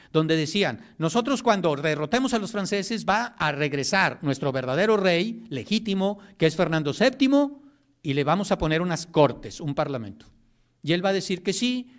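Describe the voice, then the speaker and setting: A man giving a history lecture in a classroom, talking in a loose, joking way and often checking in with his students. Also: on the high side.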